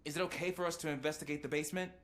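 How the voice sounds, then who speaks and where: A man's voice: fairly high pitch, steady tone, racing, fairly bright tone, lightly acted. An actor playing an earnest, self-doubting young rookie policeman in a video game, talking conversationally. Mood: keen.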